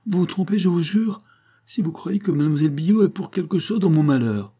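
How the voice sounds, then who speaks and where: A tearful, whining sixteen-year-old boy, as a man reads him, set a little higher than the narrator's own voice. He pleads in a clumsy, pitiful way in a storybook reading. The tone is warm and dark underneath. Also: lively intonation, normal speed. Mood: pleading.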